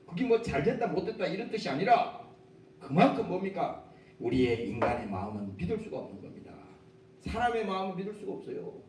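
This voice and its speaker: Animated preaching man, echoey church. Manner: emphatic, punctuates with "어?" and rhetorical questions; acts out quoted speech in dramatic low voice. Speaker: pastor. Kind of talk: sermon. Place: church sanctuary. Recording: echoey church from a distance, faint rumble.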